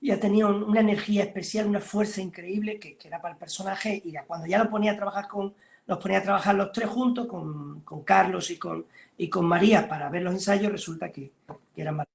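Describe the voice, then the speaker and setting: Middle-aged male director, high gravelly voice, animated storyteller. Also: fast talker. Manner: animated storytelling, acting out quoted dialogue. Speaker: film director. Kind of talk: conversational interview. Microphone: video call.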